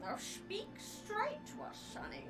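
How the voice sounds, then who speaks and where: A woman's voice: very high-pitched, huge pitch swings, slow, distant mic, loud music behind the voice, exaggerated voice. A woman voicing a very old man, a doddering, blunt, suspicious grandfather in a tabletop game. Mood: folksy, stern.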